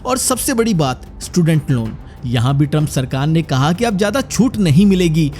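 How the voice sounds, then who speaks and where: A man's voice: fairly high pitch, sing-song, moderate pace, darkish tone. A man narrating a scripted news explainer with a dramatic, punchy delivery. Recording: faint background music.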